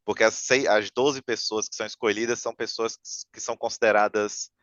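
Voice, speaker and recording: A man's voice: lowish voice, steady tone, a little fast, fairly bright tone, no room sound. A man telling a long story in casual podcast chat, rambling with many fillers and restarts. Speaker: podcast guest. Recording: muffled, lo-fi mic sound.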